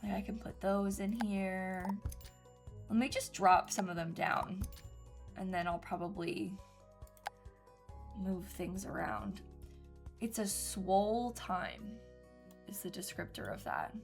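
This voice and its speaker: Building in a game on her home stream, a congested young woman chats casually, thinking aloud with ums and small giggles. She takes it slowly with frequent pauses, her mid-range voice expressive and edged with vocal fry, with faint music behind.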